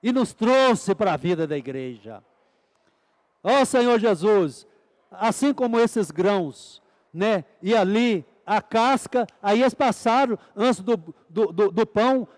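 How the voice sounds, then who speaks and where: A man's voice: high-pitched, animated, a little slow, big-room sound. A male preacher giving a sermon, breaking in again and again with fervent calls on the Lord and putting questions to his listeners, then answering them himself. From Brazil. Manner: repeated fervent "Ó Senhor Jesus" exclamations.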